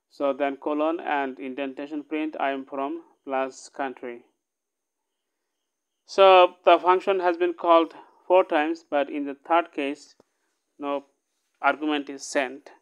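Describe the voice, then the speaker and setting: A man with a clean, mid-range voice teaches programming in an informal screen-recorded lesson. He reads the code out one line at a time and keeps checking in with "okay?".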